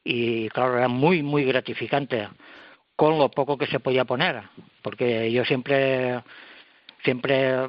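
A man's voice: mid-range voice, steady tone, takes it slowly, dry recording, highs cut off. An older man, answering interview questions in a hesitant way, often repeating words and restarting. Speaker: radio collector guest.

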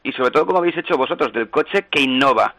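A man's voice: mid-range voice, expressive, fast talker, bright, forceful tone. A man hosting a radio interview, asking questions and summing up in a chatty way with filler sounds. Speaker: radio host.

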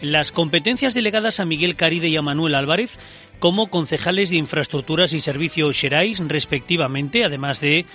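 A man's voice: fairly high pitch, sharp tone, faint music behind. Emphatic male radio news presenter. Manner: fast, emphatic delivery with occasional fillers. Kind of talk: live radio news anchoring. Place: radio studio. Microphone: studio microphone.

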